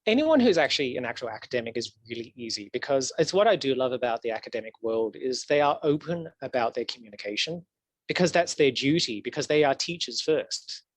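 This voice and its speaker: A man talking as a podcast guest in casual interview chat, animated and laughing often, his voice swooping up for emphasis. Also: medium pitch, brisk, no room sound. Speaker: podcast guest, historical archivist.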